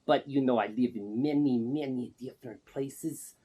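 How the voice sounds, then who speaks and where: A man playing an eccentric self-proclaimed pop star with a put-on Russian accent, speaking in broken English with a deadpan, boastful manner. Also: mid-range voice, normal speed, dull audio, lightly acted. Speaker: interviewee.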